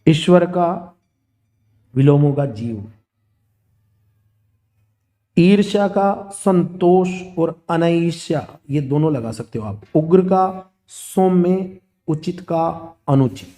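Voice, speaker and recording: A man's voice: fairly high pitch, slow, long pauses. A man teaching a grammar lesson, steadily listing words and their opposites. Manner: steady, listing word pairs one after another.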